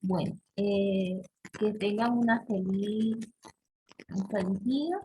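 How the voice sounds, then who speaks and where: Slow, patient woman teacher. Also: medium pitch, steady tone, warm tone, a little hiss or hum, poor audio. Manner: slow, explanatory, many "¿ok?" checks and "este" fillers; reads French example sentences slowly with exaggerated pronunciation. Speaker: French teacher. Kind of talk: online class lecture.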